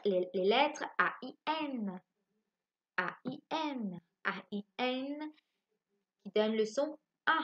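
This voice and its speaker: Slow, bright-voiced woman teaching phonics. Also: on the high side, muffled recording. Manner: slow, spelling out letters and asking checking questions. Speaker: primary school teacher. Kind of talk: French phonics lesson for young children. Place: home.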